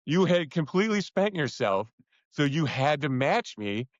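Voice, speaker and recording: A man hosting a podcast in casual chat, animated and laughing as he tells stories. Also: fairly high pitch, moderate pace, dry recording. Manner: animated storyteller, acts out quotes, laughs often. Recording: dull lo-fi podcast audio.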